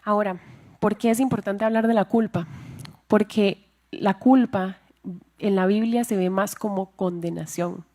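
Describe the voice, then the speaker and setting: A woman's voice: mid-range voice, fairly even intonation, unhurried, a little mellow. A young woman with a Costa Rican accent giving a church talk to women, sharing a personal testimony and asking her listeners questions. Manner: confiding, asks the audience questions. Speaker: speaker at a women's church event.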